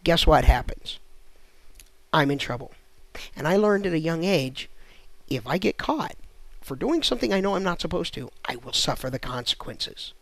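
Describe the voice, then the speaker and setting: Male host, comic rant, gravelly, dry close sound. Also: on the high side, big pitch swings, normal speed, pauses often, fairly bright tone, no echo. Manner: blunt, lecturing, sarcastic. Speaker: host ranting to camera.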